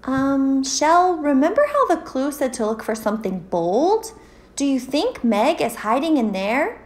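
A woman's voice: high-pitched, very animated, a little slow. Woman doing a hesitant little girl egg. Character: timid helpful girl egg, Peg.

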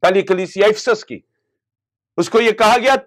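High-pitched impassioned male TV preacher. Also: normal speed. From Pakistan. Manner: impassioned preaching with rising and falling emphasis; gestures constantly with both hands. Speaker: pastor. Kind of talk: televised sermon. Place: TV studio. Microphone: lapel mic.

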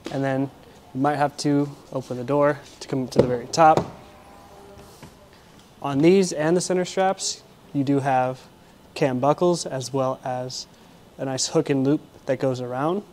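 A young man in his twenties, medium-pitched with a darkish tone, casually walks through installing a kayak carrier step by step as he works around a vehicle in an indoor garage. He's presenting the product in an installation demo, with slight background noise.

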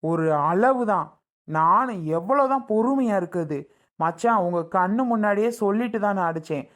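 Hot-tempered husband in a family skit, pleading then shouting; a woman plays him. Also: medium pitch, animated, moderate pace, natural voice. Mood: exasperated angry. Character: short-tempered husband, pleading to his brother-in-law.

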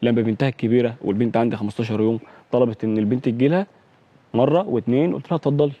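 A man's voice: mid-range voice, very fast, breathy edge, dry recording, highs cut off. A man calling in with an Egyptian Arabic accent, agitated and insistent, swearing oaths as he argues his side. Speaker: caller.

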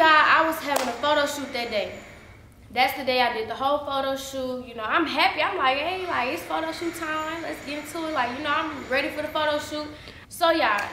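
A woman's voice: sits high, background noise. A young woman vlogging to camera, venting indignantly and repeating herself, full of "like" and "y'all". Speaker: YouTuber. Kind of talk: casual vlog rant to camera. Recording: echoey room.

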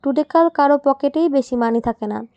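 A brash young female pickpocket orders her sidekicks around and drops in broken English, as a woman narrator puts her on. Her voice is high, and the recording sounds dull and dry. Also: brisk, mellow, dry recording. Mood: bossy. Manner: bossy, sprinkles broken English.

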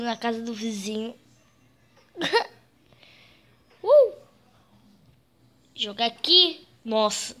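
A young man voices an excitable cartoon boy who has been shrunk into a baby, exclaiming as he goes. The voice sits very high and the delivery is slow and drawn out. It is a casual Minecraft role-play performance. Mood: bored.

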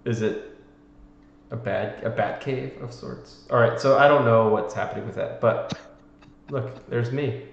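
A man's voice: mid-range voice, unhurried, creaky. A man setting up a livestream who sounds like he is in a cave, chatting casually and muttering to himself while troubleshooting. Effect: cave echo. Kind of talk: casual chat while fiddling with stream settings. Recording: cavernous echoey dull lo-fi mic, faint background noise.

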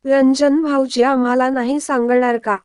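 A woman's voice: high-pitched, little pitch movement, moderate pace, a little mellow, clean tone, no room sound, studio quality, close to an everyday voice. Woman voicing tart young wife Ankita. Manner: teasing, tart. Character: young woman, sharp-tongued daughter-in-law.

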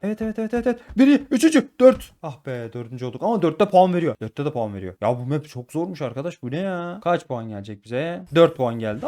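His voice is slightly high as he excitedly talks through his gameplay live. As a YouTuber, he speaks to the audience like friends and fires off repeated words in bursts.

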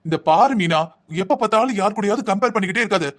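A patient, thrifty husband in a cartoon drama, played by a man, lecturing his wife in long explanations. He talks in a very rapid stream on a fairly high voice. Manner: calm lecturing, explaining at length. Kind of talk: Tamil cartoon voice acting.

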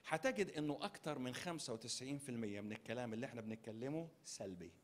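A man's voice: medium pitch, animated, very fast. A male pastor with an Egyptian Arabic accent preaching a sermon at a church conference. He repeats key phrases for emphasis and asks the congregation rhetorical questions.

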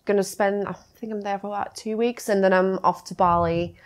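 A Latvian woman, a freelance graphic designer appearing as a guest in a podcast studio, chats in a casual interview. Her mid-range voice is fairly even and a little fast, with many fillers, restarts and frequent laughs.

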